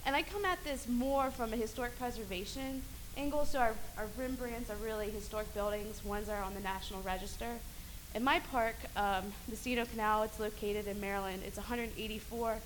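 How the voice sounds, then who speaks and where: A woman explaining her park program at a panel discussion, casual and a little halting. Noticeable background noise sits under her voice. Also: medium pitch, steady tone, poor audio. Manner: conversational, with frequent fillers. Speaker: park service preservation worker.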